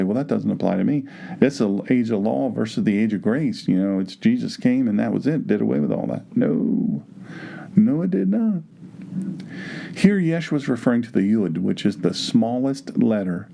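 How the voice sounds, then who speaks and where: A man teaching the Bible with animated emphasis, often repeating phrases to drive a point home. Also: mid-range voice, creaky. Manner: acts out imagined objections in quoted voices.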